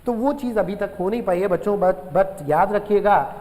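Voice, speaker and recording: A male teacher giving a classroom lecture, often addressing the class as children and repeating key phrases slowly for students to write down. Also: high-pitched, dark tone, long reverb tail, rough recording. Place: room with a writing board.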